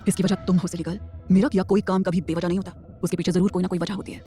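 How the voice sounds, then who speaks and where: A woman voicing a cold, possessive young man who threatens through clenched teeth, pitched well below her own voice. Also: level tone, rapid-fire, dark tone, faint music behind, close to an everyday voice. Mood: smug.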